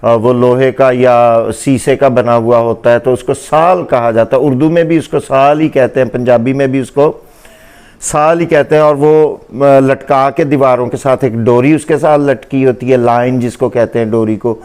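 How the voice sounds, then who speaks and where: A male English teacher giving a pronunciation lesson, saying each word slowly and more than once so it can be heard well. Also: mid-range voice, steady tone, a little mellow, clean tone. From Pakistani Punjab. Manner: slow, deliberate repeating of each word. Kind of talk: pronunciation lesson in Hindi-Urdu.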